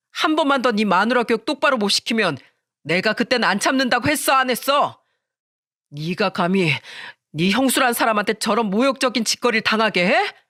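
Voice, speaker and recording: A woman voicing an enraged husband and elder brother who shouts at his younger brother, in a storybook drama. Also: medium pitch, dry recording, clean studio sound, close to an everyday voice. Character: enraged middle-aged man, elder brother.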